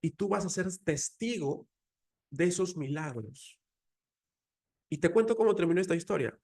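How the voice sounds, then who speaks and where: Earnest man with a gravelly voice. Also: high-pitched, expressive, moderate pace, a little mellow. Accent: Mexican Spanish. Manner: emotional, earnest storytelling. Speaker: faith speaker. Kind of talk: personal faith talk.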